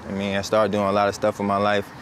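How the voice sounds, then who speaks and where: A man, a model and father, talking in a laid-back, relaxed way in an interview. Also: on the low side, fast, a little hiss or hum. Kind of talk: interview monologue. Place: outdoors on a street.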